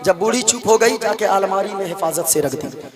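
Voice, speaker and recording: A male preacher telling a story in a sermon, animated and calling out to his audience. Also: high-pitched, normal speed, crowd noise. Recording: music playing under the voice.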